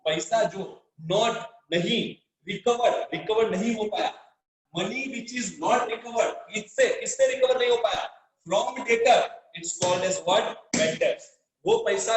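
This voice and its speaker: A male commerce teacher giving a classroom lecture, explaining with role-play examples, repeating key terms and quizzing his students. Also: high voice. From Gujarat, India. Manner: switches between Hindi and English. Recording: echoey classroom.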